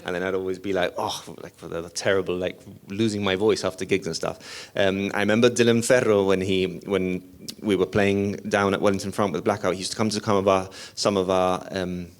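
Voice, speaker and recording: Talking a little fast with hardly any pauses, this musician's low voice barely moves in pitch. He tells his stories casually and pokes fun at himself in the interview, a slightly whiny edge to his tone.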